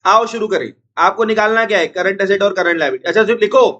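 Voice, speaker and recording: Unwell male accounts teacher, high-pitched. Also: fairly bright tone, highs cut off. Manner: repeats formulas slowly, scolds chattering students. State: unwell, strained chest. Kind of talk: classroom lecture.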